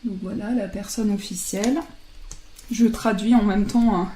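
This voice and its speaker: A woman casually presenting oracle card decks, chatting and laughing softly at herself as she translates card titles aloud. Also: medium pitch, steady tone, moderate pace, reverberant, slight background noise.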